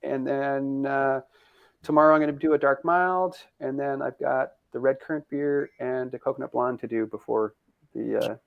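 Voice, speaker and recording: A brewery founder chatting casually in an interview, upbeat and rambling, laughing often, over a video call. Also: male voice, medium pitch, fairly even intonation, normal speed, vocal fry, no echo. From Canada. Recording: dull lo-fi video call audio.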